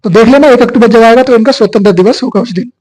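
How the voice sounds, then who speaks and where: A man's voice: extremely high pitch, racing, darkish tone, low-quality recording. A male teacher giving an exam coaching lecture, asking questions and answering them himself. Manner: repetitive call-and-response questioning.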